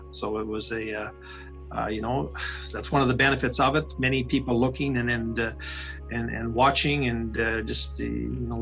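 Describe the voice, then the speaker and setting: A man, a police officer, answering interview questions in a halting way, full of hesitations. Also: medium pitch, gravelly, a bit bright, muffled recording.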